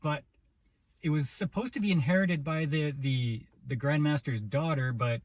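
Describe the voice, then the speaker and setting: A man's voice: fairly high pitch, normal speed, no room sound. A man co-hosting a casual movie review chat, telling the story in a loose, rambling way. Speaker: podcast co-host.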